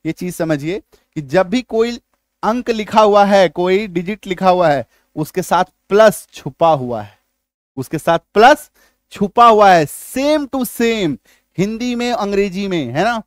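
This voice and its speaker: High-voiced man teaching, many check-ins. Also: lively intonation, a little slow, no echo, studio quality. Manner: repeats checks like "ठीक है?" and "आया समझ में?" often; patient, step-by-step explaining. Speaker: English teacher. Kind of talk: spoken spelling lesson.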